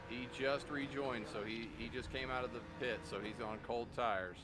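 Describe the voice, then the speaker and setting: A man's voice: mid-range voice, steady tone, moderate pace. A man chatting casually and bluntly as a race engineer to his teammate, with car engines behind him. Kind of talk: casual sim racing team chat. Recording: very noisy, engine roar. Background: race car engine noise.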